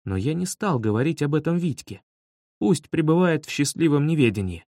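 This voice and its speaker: Expressive male storyteller, lively pitch. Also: a little fast, dry recording, studio quality. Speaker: audiobook narrator. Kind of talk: scripted narration of a humorous children's story.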